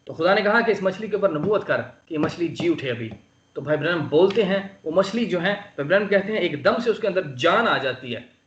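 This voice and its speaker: A man with a high voice preaches an earnest sermon over an online video call. His exhortations rise and press the point. The sound is dull and lo-fi, in a roomy space. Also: fairly bright tone. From Pakistan. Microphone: online call microphone.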